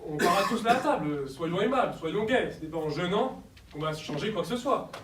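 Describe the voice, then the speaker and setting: Animated, high-voiced hearty captain played by an actor. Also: male voice, brisk. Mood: breezy, hearty. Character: breezy, hearty captain, brisk and sociable. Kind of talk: stage play acting. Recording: echoey stage, distant mic, clear noise.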